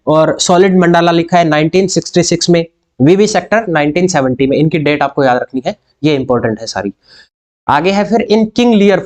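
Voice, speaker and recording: A male tutor from India working through exam questions in a measured lecture. He drags out each English question word by word, then shifts into quick explanations. He keeps asking rhetorical questions to check that his students follow. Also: on the high side, a little mellow. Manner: reads English questions slowly and deliberately, then explains them briskly. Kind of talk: exam-prep lecture mixing Hindi and English.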